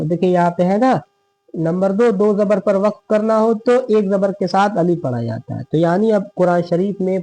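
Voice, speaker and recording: A man teaching Quran recitation, patient and repetitive, who asks and answers his own questions and slows to a drawn-out chant for example verses. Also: high voice, warm tone, rough recording. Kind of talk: lesson.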